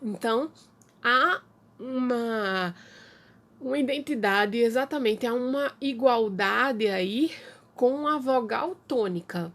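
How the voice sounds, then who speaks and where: A woman teacher with a Brazilian Portuguese accent, explaining a lesson slowly and haltingly with many fillers, at home. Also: on the high side, fairly bright tone. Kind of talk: recorded online class.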